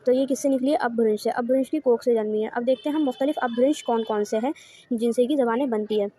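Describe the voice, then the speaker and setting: Speaking a little high with a warm tone and no echo, a female teacher explains course notes in an online lecture. She works through rhetorical questions she answers herself, then rewords every point.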